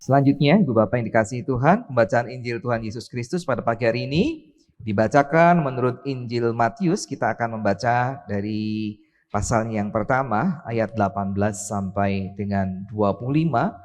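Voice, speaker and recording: A man with a mid-range, slightly mellow voice speaks at normal speed as he leads an online church service from the sanctuary. As pastor, he prays solemnly, then reads scripture aloud, raising his voice on key words, with the hall's reverb audible.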